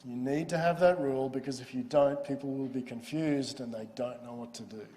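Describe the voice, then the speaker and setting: A man's voice: mid-range voice, fairly even intonation, brisk, warm tone. Man lecturing in a reverberant hall. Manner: explanatory, conversational teaching. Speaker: law lecturer. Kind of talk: university lecture.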